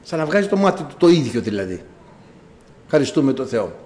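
A man preaching a sermon, telling a story with low asides and sudden high cries. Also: very animated, a little mellow.

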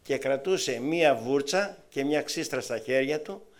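A man from Greece preaching and telling testimony stories, with lively storytelling that swings between loud and soft. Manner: animated storytelling with wide swings in pitch and loudness. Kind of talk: testimony sermon.

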